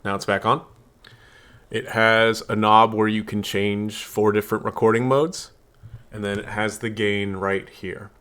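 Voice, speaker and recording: A man's voice: lowish voice, little pitch movement, measured pace, a bit bright, clean tone. A man giving a casual, candid review of a product, talking in a chatty way with blunt opinions, into a desktop USB condenser microphone.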